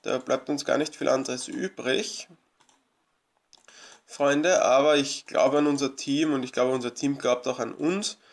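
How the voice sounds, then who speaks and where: A man with a gravelly, mid-range voice and a steady tone comments on his own gameplay as a let's play host. Unhurried, he rambles chattily with lots of fillers and sounds eager and grateful toward his viewers.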